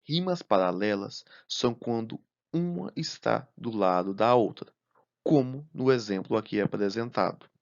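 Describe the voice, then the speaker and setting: A man narrating a recorded lesson, slow and deliberate, counting syllables aloud one by one. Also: lowish voice, lively intonation, vocal fry, lo-fi sound. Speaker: teacher.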